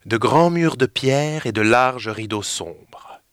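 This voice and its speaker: Expressive male storyteller, bright voice. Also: mid-range voice, clear, resonant tone, no echo, studio quality. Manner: expressive, slowing for suspense. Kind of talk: children's story reading.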